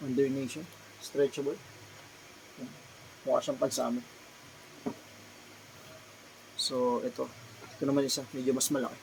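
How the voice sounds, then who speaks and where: Slow, polite Filipino man showing clothes. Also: medium pitch, gravelly, darkish tone, a little hiss or hum, rough recording. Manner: slow, polite, repeats item names and sizes. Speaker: thrift clothing seller. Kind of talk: casual product showcase vlog. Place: his small shop.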